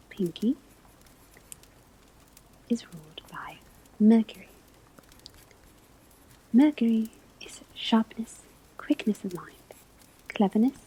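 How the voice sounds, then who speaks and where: In a whispered ASMR roleplay, a woman plays a calm witch-school professor of divination, delivering a soft, breathy lecture that is slow, measured, and instructive. Her voice is on the high side, set against clear ambience of a classroom, a crackling fire, and pages turning.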